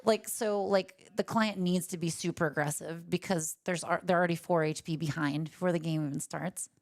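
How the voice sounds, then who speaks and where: A woman commentates a card game tournament with a lower voice than most. She talks casually, with plenty of fillers and jokes. She is recorded in an empty gaming room. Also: fairly even intonation, moderate pace. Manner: chatty, filler-heavy, jokey.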